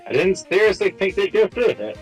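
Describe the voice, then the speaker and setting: A woman's voice: medium pitch, sing-song, fairly quick, darkish tone, soft background music, close to an everyday voice. A woman voicing a weary, reluctant young male lawyer in an amateur video game dub, dry and resigned.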